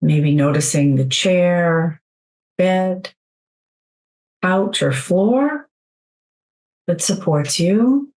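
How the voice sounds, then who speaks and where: This rough recording captures a woman guiding a meditation; her voice is on the low side and expressive. She speaks softly and without hurry, letting long pauses fall between phrases.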